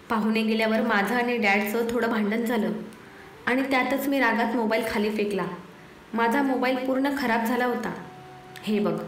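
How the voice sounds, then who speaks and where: A woman's voice: fairly high pitch, close to an everyday voice. A woman voicing a tender young fiancé. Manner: gentle, soothing, apologetic. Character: young man, loving and reassuring fiancé. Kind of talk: storytelling audiobook dialogue. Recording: echoey room, faint noise.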